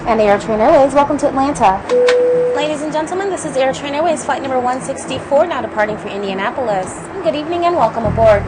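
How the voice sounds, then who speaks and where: A woman's voice: high voice, fast. A woman flight attendant giving a scripted welcome announcement to airline passengers. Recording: noisy aircraft cabin, music over it.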